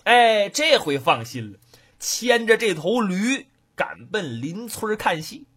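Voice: medium pitch, sing-song, slow, fairly bright tone, slightly rough. A performer telling a traditional comic folk tale, switching between narration and character voices.

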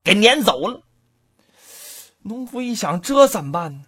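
Woman storyteller, husky, wide lively pitch, punchy delivery. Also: unhurried. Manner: animated, colloquial, punchy. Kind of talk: traditional oral storytelling.

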